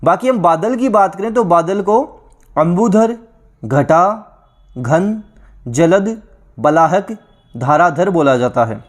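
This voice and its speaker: A man with a high voice teaches an exam-prep lesson. He drills each word list aloud, repeating items over and over. He keeps putting questions to the class and answering them himself. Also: animated, slow, long pauses. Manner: asks and answers his own questions.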